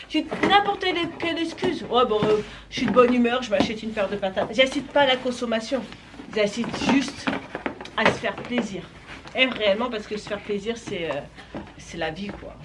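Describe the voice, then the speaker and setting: A woman's voice: fairly high pitch, lively intonation, normal speed, very noisy. A young woman vlogger talking casually and enthusiastically about roller skates, with many fillers and restarts. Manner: chatty, filler-heavy, enthusiastic. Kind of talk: casual product talk to camera.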